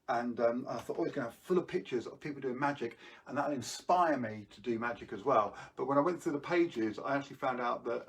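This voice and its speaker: A man's voice: mid-range voice, a little hiss or hum. A man presenting tricks as a kids party magician on a live show, chatty and playful, coaxing viewers to join in.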